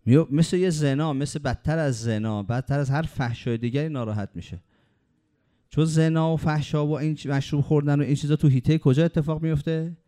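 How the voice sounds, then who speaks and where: A man's voice: on the high side, dark tone. A man preaching a sermon, telling stories and pressing his points with rhetorical questions. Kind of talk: sermon with anecdotes.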